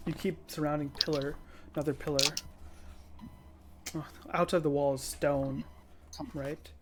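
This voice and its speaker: A game master improvising tabletop game narration in a halting, conversational way. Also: medium pitch, fairly even intonation. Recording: clearly audible background noise.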